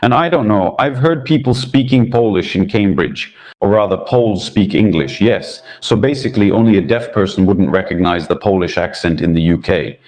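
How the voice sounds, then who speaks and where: A man's voice: lowish voice, normal speed, few pauses, darkish tone. A man hosting a commentary channel, talking in a sarcastic, indignant way, with Russian as his first language. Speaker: political commentator. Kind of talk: scripted commentary monologue.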